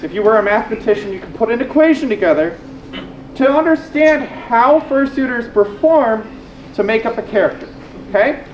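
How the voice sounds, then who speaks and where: A convention panel host talks to a live room in a playful, teasing way, calling people up on stage. The voice sits in the middle of the pitch range. It echoes around a large room over a faint hiss. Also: lively intonation, normal speed, muffled recording.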